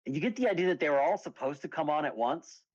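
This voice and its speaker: A man's voice: fairly high pitch, animated, quick pace, a little mellow, highs cut off. A man narrating as game master in a tabletop game, rambling with lots of fillers and breaking into laughter easily.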